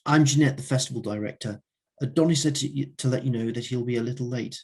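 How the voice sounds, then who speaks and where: A man doing a brisk female festival director. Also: mid-range voice, darkish tone, natural voice.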